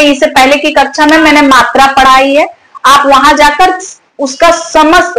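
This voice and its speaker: A woman teaching a Hindi grammar lesson, repeating example words slowly to show where the stress falls and asking the students questions. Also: high voice, fairly bright tone. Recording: echoey room with faint ambient noise.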